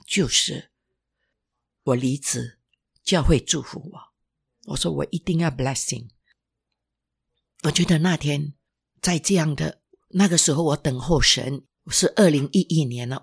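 An older former pastor giving an emotional personal testimony, halting and restarting, sometimes dropping to a whisper. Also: medium pitch, creaky, breathy edge.

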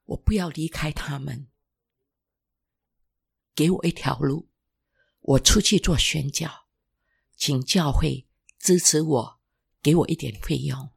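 An older former pastor giving an emotional personal testimony, halting and restarting, sometimes dropping to a whisper. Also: medium pitch, gravelly, slightly rough.

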